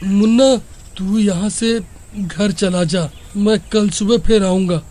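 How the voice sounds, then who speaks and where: Jittery young villager. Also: male voice, high voice, slow, warm tone. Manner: panicky, casual slang.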